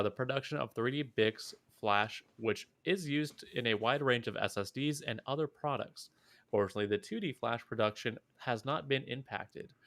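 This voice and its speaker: A man's voice: medium pitch, a bit bright, dry recording. A young man co-hosting a casual tech podcast, reading an article aloud and tripping over names and words as he goes. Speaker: podcast co-host.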